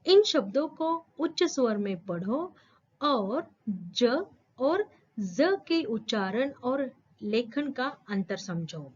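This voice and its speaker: Slow patient woman teaching kids. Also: on the high side, dull audio. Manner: slow, patient, repeats and quizzes the listener. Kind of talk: explaining a school lesson to children.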